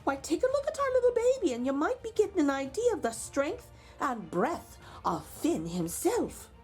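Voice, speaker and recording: A woman's voice: high-pitched, big pitch swings, normal speed, darkish tone, soft background music, pitched above the performer's own voice. A woman voicing a sly, sweet-talking giant's wife in a children's storybook read-aloud. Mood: slyly boasting. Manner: honeyed, coaxing.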